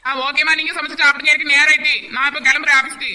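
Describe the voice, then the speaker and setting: A harried young husband in a cartoon, voiced by a woman, grumbling in a Tirunelveli Tamil accent. The voice is high, very bright and races along. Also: level tone, rough recording. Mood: hurried. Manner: hurried, grumbling.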